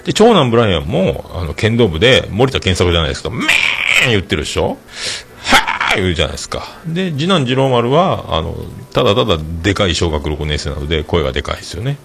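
A man talks casually on his podcast in a deep, gravelly voice. His pitch rises and falls widely as he rambles through stories, with frequent filler sounds between his phrases. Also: very animated, fast talker, few pauses, noisy background. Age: 40s. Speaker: podcast host. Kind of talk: casual podcast monologue reading listener comments.

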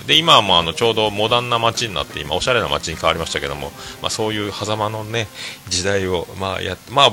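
A man's voice: fairly low pitch, a little hiss or hum. A middle-aged man from Fukuoka, telling rambling stories in a solo talk stream, full of fillers. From Fukuoka, Japan. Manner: rambling storytelling, many fillers, animated quoting. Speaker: host, restaurant owner.

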